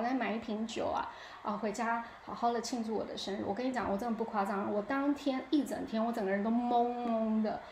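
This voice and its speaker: A young woman with a Taiwanese Mandarin accent tells a story on her podcast in a lively, chatty way, often checking in with the listener. Her voice sits a bit high. The room rings with echo, and a faint hum of ambience runs underneath. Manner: animated, keeps asking the listener 你知道吗. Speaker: podcast host. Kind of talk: casual storytelling monologue.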